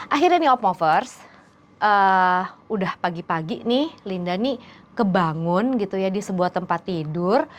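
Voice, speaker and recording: A woman narrating a dramatic story in a casual, chatty way, talking directly to her listeners. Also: mid-range voice. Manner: chatty, addresses listeners directly, many fillers.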